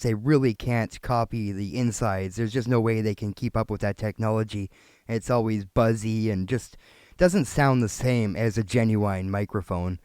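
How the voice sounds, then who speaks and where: A man's voice: medium pitch, a little mellow, clean tone, dry recording. Laid-back man reviewing microphones, dry sound. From Canada. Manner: chatty, laid-back, thinks aloud with fillers. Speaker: video creator testing microphones. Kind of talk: casual gear review talking to viewers. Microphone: switching between studio dynamic microphones.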